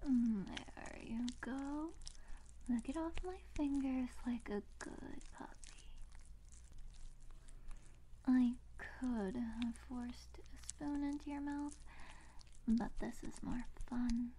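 Casting: actress as possessive yandere woman for ASMR role-play audio drama; high, soft mellow voice, sweetly obsessive and teasing. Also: slight background noise. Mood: coaxing, possessive. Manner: sweet, eerily obsessive, slow teasing delivery.

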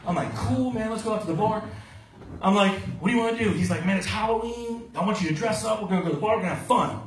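Brash profane stand-up comic in a club. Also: male voice, high-pitched, fast, a little hiss or hum. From Maryland. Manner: brash, profane storytelling, acts out quoted voices. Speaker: stand-up comedian. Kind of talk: stand-up comedy set. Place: small comedy club stage, indoors. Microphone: handheld mic, filmed from the audience. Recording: roomy club sound from far off, loud audience laughter. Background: audience laughter.

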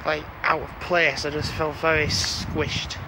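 Before daybreak on a quiet street, a young man walks and rambles chattily to his handheld camera for a casual vlog. He speaks a little slowly in a fairly high, monotone voice against a noisy background.

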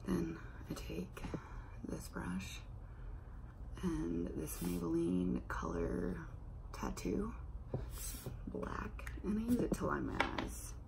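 A twenty-something lifestyle vlogger chats casually through a get-ready-with-me makeup routine in her bedroom, half-whispering softly so her roommates stay undisturbed. Her voice is fairly low, sing-song and gravelly, and she's losing it, taking things slowly with frequent pauses as she rambles and pokes fun at herself. The low-quality audio comes from a phone or laptop camera held at arm's length.

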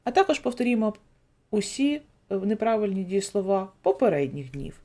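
A woman teaching an English vocabulary lesson, slowly reciting each word's forms and then giving its meaning. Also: medium pitch, big pitch swings, mellow. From Ukraine. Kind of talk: slow dictation-style vocabulary lesson.

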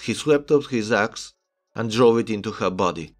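Low-voiced man narrating an analytical essay. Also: normal speed. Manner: analytical, reads story passages aloud. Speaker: video essayist. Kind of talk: narrated video essay with read-aloud excerpts. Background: background music.

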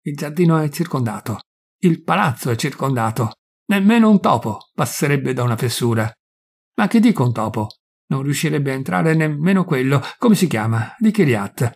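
A man reading aloud and voicing a stern Roman governor who talks slowly and threatens with fierce scorn. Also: a little high, big pitch swings, breathy edge, heavily acted. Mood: mocking menace. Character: stern older male Roman governor, weary and menacing.

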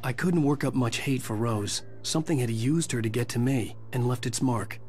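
A man plays a grim, driven writer narrating a thriller game. His mid-pitched voice is terse and hard-boiled, with faint music behind. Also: normal speed, darkish tone, close to an everyday voice. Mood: grim, weary.

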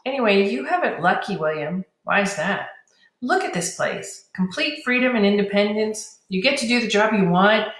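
A woman's voice: medium pitch, expressive, normal speed, fairly bright tone, lightly acted. A woman reading as a feisty young mage girl. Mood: spirited. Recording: roomy echo.

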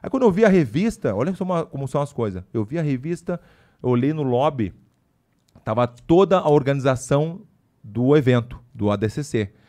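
A man talking as a podcast guest, his speech quick and rushing forward. He spins a casual story full of slang and side remarks, keeping it lively. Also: mid-range voice. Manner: animated, slangy, with frequent asides.

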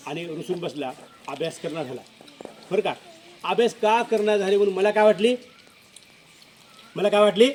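A man's voice: sits high, a little mellow, a little hiss or hum. A male school teacher giving a classroom lesson to children, repeating questions and coaxing pupils to answer. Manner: repetitive questioning, coaxing pupils with filler prompts.

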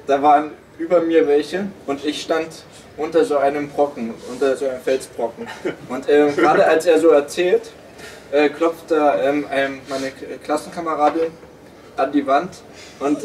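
A man's voice: medium pitch, darkish tone. A young man telling a story in casual chat, rambling with many fillers. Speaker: podcast co-host. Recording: distant room mic with clear background noise.

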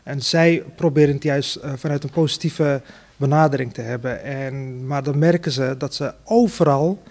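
A man, a theater director, answering interview questions earnestly with many pauses and fillers. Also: mid-range voice, a little mellow.

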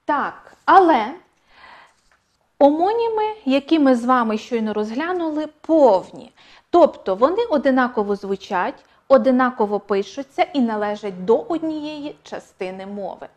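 A woman's voice: sits high, lively intonation, normal speed. Emphatic woman teaching an online lesson. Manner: clear, emphatic, repeats key points. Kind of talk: online exam-prep lesson.

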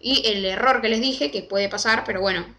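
Bright-voiced young woman explaining slowly. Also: mid-range voice. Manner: explains step by step, slows to spell out commands. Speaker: Minecraft tutorial creator. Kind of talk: casual screen-recorded tutorial.

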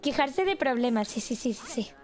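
A woman's voice: sits high, lively intonation, normal speed, darkish tone, soft background music. A woman with a Mexican accent giving playful, teasing gameplay commentary with sudden exclamations. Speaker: streamer playing a life-sim game.

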